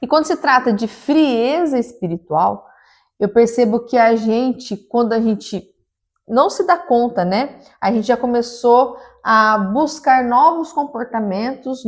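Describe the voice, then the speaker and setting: Earnest woman in faith chat. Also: fairly high pitch. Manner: earnest, preachy, halting with restarts. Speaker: podcast co-host.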